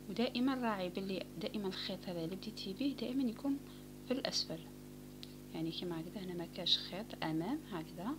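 Algerian woman teaching crochet, quick and hushed. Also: medium pitch. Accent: Algerian Arabic. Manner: calm instructive talk, often dropping to a near whisper. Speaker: crochet tutorial host. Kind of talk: step-by-step craft tutorial. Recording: home recording with clear background noise.

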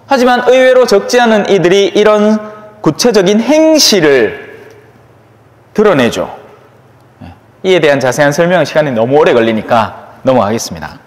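Gyeongsang priest, homily, high lively voice, chatty, long church reverb. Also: male voice. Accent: Gyeongsang Korean. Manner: conversational, chatty, asks listeners for agreement. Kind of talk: sermon.

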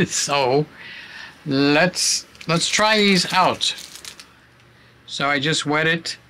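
A man's voice: on the high side, drawn-out words, bright, forceful tone, slight background noise. A man vlogging at home, chatting with many fillers as he sets up his camera on a tripod in a room he uses as a studio. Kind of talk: casual vlog talk.

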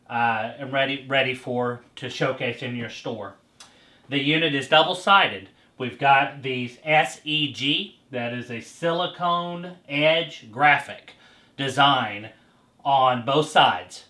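A man in his thirties with a slightly high, pushed and bright voice hosts a casual product demonstration, explaining as he goes with fillers and restarts. He's in an indoor showroom with bare walls, and the room sounds echoey.

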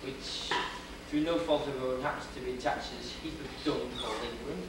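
In a noisy old video shot from a distant camera, an echoey lecture hall with a projection screen hosts a young Welsh man lecturing an audience on history. His Welsh-accented delivery is theatrical and joking, his voice mid-range and steady, his pace a little fast.

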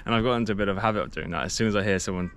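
A young man vlogging a cycle tour chats to an action camera held at arm's length on a sunny coastal path, rambling and correcting himself as he goes. His low voice is very fast and fairly bright, with a little hiss or hum.

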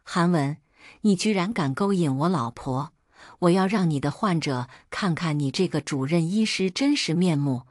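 A vicious, raging husband , as a woman narrator puts him on, spitting insults and accusations. The voice sits low and the sound is dry and close. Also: lively intonation, moderate pace, darkish tone, no echo. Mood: accusing. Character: enraged abusive husband, man, vicious.

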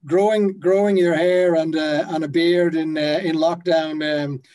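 Speaking through his laptop webcam from an office with a brand banner at his back, this brewery founder in his fifties, raised in the Netherlands, has a slightly high, warm voice that stays steady at a measured pace. He hesitates a lot, restarting sentences and leaning on fillers.

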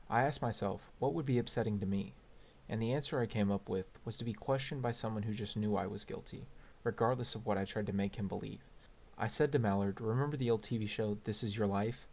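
Low-voiced man reading an audiobook. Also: a little fast, vocal fry, a little mellow. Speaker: audiobook reader. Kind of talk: audiobook narration.

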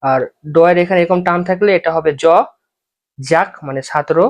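A patient language teacher leads an alphabet lesson, taking each letter in turn. The example words come slowly and are often said twice, so learners can copy them. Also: medium pitch.

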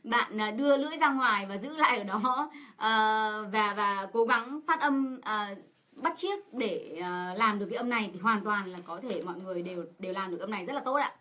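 Bright-voiced woman. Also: mid-range voice, fairly quick. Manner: asks rhetorical questions of the class, with many fillers. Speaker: co-teacher and interpreter. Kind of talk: explaining a lesson in Vietnamese.

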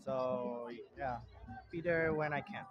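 A man's voice: medium pitch, over loud music. A young man from Puerto Rico rambling casually as he films a beach vlog outdoors, holding his phone while he walks. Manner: rambling, unhurried, plain-spoken. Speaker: vlogger. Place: outdoor beach park, in and out of a tent. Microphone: phone held in hand while walking. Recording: dull lo-fi phone audio.

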